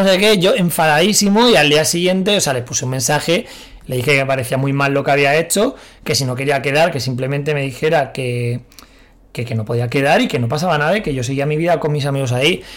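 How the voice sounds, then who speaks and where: A young man from Spain with a Spanish accent, telling an animated anecdote as a guest in a casual chat, acting out the voices of the people he quotes and swearing casually. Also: fairly high pitch, fast talker.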